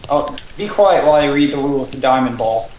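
A man gaming with friends over voice chat, giving directions and reading rules aloud haltingly. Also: mid-range voice, lively intonation, a little mellow. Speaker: gamer. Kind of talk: casual voice-chat banter. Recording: roomy echo, faint noise.

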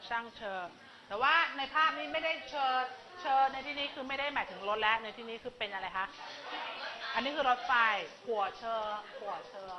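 A woman teaching a language class, running a quick vocabulary drill and prompting her students with short questions. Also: fairly high pitch, background noise. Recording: dull lo-fi classroom recording with students chattering.

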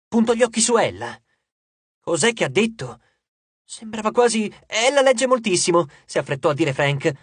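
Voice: normal speed, long pauses, husky, dry recording. An audiobook narrator reading a fantasy novel aloud with scripted narration, changing voice for each character. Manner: lively, shifts pitch for each character.

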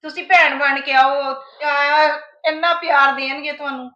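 A woman with an Indian Punjabi accent acting a motherly mother-in-law who consoles and gently scolds in an amateur family drama skit. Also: high-pitched, steady tone, a little slow. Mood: soothing. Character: firm but soothing middle-aged mother-in-law. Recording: roomy, dull-sounding room.

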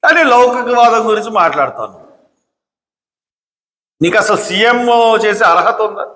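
A man's voice: sits high, animated, moderate pace, bright, forceful tone. A man giving a combative political speech, scolding with repeated rhetorical questions. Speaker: political commentator. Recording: echoey hall.

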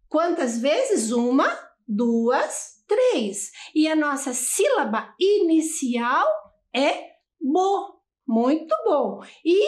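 A woman with a Brazilian Portuguese accent teaching a televised lesson for young children, spelling out syllables in an encouraging sing-song way. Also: sits high.

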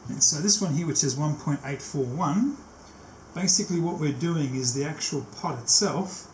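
A man in his sixties demonstrates setting up a tape machine, recorded on a camera mic in a small, cluttered indoor workshop. With a fairly high pitch, he explains step by step in an unscripted way, pausing often as he works. Soft background music plays under faint noise in the echoey room.

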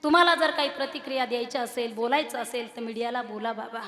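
A woman's voice: on the high side, steady tone, quick pace, soft background music. Impassioned woman preaching a kirtan. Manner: impassioned, rising to loud declaiming. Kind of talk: devotional kirtan sermon. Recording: long hall reverb.

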